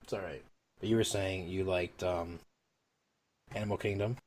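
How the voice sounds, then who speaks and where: A man in a relaxed podcast chat, rambling and filling pauses with "like" and "um". His voice is very deep. He swears casually as he talks. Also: a little hiss or hum. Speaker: podcast co-host.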